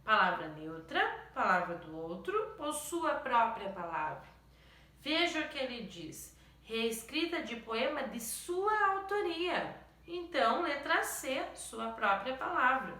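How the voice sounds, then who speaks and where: A woman teacher slowly going over exercises in a recorded lesson, stopping often to check that the students follow. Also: fairly high pitch, very animated, bright, forceful tone, reverberant.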